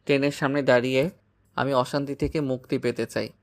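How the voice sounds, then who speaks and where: A man's voice: mid-range voice, flat delivery, brisk. Man narrating a despairing first-person story.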